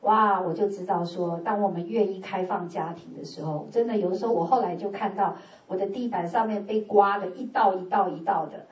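A woman giving a sermon testimony, lively, swinging from loud exclamations to hushed prayerful tones and laughing often. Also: mid-range voice, a little fast, hardly any pauses. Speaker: church speaker giving testimony. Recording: roomy, distant and dull church sound.

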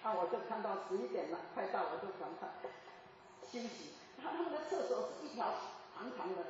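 A woman in her seventies preaching a sermon, telling a lively story with laughter and bursts of chanted lines. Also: mid-range voice, fast, slight background noise. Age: 70s. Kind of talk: sermon testimony. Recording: echoey hall from far off, dull.

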